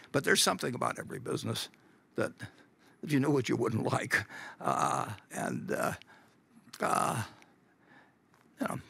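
Older man, gravelly and husky, folksy meeting Q&A with chuckles and restarts, dry close sound. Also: mid-range voice, bright, forceful tone. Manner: folksy, halting, chuckles often, many restarts. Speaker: company chairman answering shareholder questions. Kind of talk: unscripted Q&A answer. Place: large meeting stage at a table.

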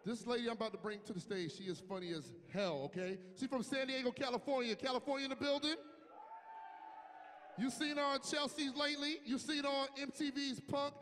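A man's voice: very high-pitched, steady tone, fairly quick, fairly bright tone. A man working as emcee, hyping up the crowd as he introduces the next comic. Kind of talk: hype-up introduction. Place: comedy club. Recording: reverberant hall.

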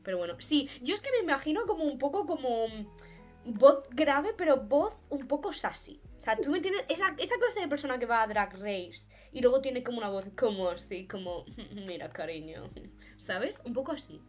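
A woman with an accent from Spain, co-hosting a podcast in casual chat, expressive and playful and laughing often. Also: sits high, moderate pace, soft background music. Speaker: podcast co-host.

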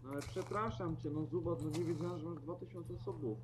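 High-voiced young man, noisy mic. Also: steady tone, fast. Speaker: co-player. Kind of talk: casual gaming chat over voice call. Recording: noisy home gaming mic with keyboard typing.

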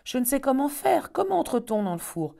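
A frightened but brave little girl, put on by a woman storyteller, lifted high above the reader's own voice. She sounds earnest and pleading in this storybook telling. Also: very animated, fairly quick, creaky, dark tone, heavily acted. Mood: feigning innocence.

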